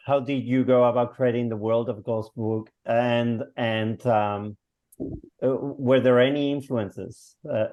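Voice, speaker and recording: A man interviewing authors, asking halting, hesitant questions. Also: on the low side, dull audio.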